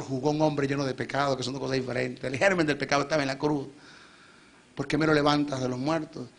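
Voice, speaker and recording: A middle-aged man with a Venezuelan accent preaches a fiery church sermon. His voice sits fairly high and rings bright and forceful. He pushes his points hard, firing questions at the congregation and swelling to loud peaks. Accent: Venezuelan Spanish. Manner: emphatic, rising to shouted peaks, asks the congregation questions.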